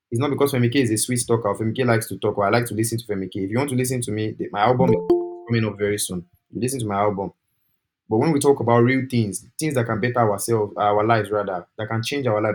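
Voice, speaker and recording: A young Nigerian man with a Nigerian accent, giving an animated, persuasive talk on a group call and slipping into pidgin. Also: fairly low pitch. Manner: animated, switching into pidgin, preachy. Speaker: study-abroad agent.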